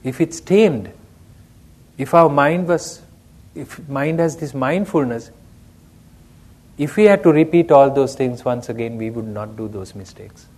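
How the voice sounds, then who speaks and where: A male meditation teacher gives an unhurried dharma talk, his voice sitting at an ordinary middle pitch. He keeps it conversational and often turns to his listeners with a question. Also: a little mellow.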